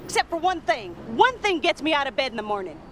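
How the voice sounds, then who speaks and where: A woman's voice: high-pitched, sing-song, fast talker, a bit bright, a little hiss or hum. An actress playing a blunt, earnest, middle-aged working-class mother who talks in plain country speech. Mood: impassioned. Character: worn-down, determined working-class trailer-park mother.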